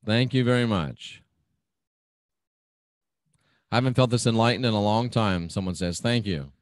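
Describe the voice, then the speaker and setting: Folksy and easygoing, a man runs his own radio program, chatting and reading aloud comments coming in from the live chat. His voice is fairly low at a normal speed, recorded dry with clean studio sound.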